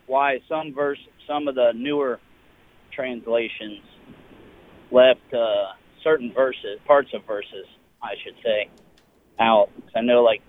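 Guy on a call-in line, phone sound all tinny, kinda halting and unsure, lowish voice. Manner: halting, hesitant questioning. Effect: over the phone. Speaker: caller.

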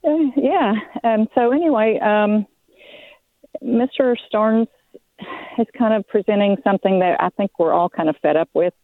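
A woman from Arkansas calling in to a radio show while out walking, a little out of breath, speaking politely and hesitantly with many pauses. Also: medium pitch, no room sound. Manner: hesitant, polite, lots of ums. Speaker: caller. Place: outdoors walking. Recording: phone line.

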